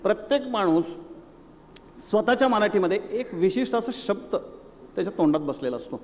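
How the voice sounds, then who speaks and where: A man's voice: high voice, lively intonation, brisk, a little mellow. A man doing stand-up on stage, telling stories in a chatty way that he builds around examples. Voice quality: chatty, explains with examples and impressions. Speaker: stand-up comedian. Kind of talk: live stand-up storytelling. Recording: echoey hall with faint hiss.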